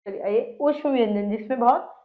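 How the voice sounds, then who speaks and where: A woman teacher giving a grammar lesson, asking her own questions and answering them, often checking in with "okay" and reciting letters slowly and with emphasis. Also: fairly high pitch. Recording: dull lo-fi recording.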